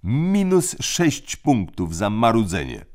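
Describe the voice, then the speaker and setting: A man's voice: fairly low pitch, wildly swooping pitch, slow, darkish tone, voice pushed up, heavily acted. A man voicing a bossy, domineering boy who lectures his siblings in a stern tone. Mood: scolding. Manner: stern, lecturing, hands out points.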